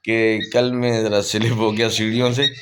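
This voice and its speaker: A man's voice: lowish voice, flat delivery, moderate pace, soft background music. A man making a casual home vlog, talking to viewers and scolding his pet bird in a playful voice. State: injured leg. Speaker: vlogger. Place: a room at home. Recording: noisy home recording with bird squawks.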